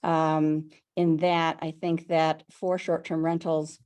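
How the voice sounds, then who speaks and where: A woman's voice: low voice, little pitch movement, takes it slowly, a little mellow. A woman homeowner on a video call, chatty and a bit rambling as she gives a public comment.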